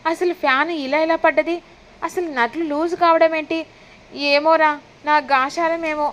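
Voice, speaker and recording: A woman's voice: high voice, steady tone, normal speed, a bit bright, lo-fi sound. A woman voicing an aggrieved young wife and mother in a retold serial, complaining and dramatic.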